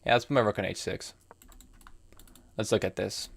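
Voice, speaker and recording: With a fairly low pitch, a steady tone, and some vocal fry, this young man speaks at a moderate pace. He's an American in his early twenties giving live commentary on his own chess game, musing through moves and casually chatting with viewers.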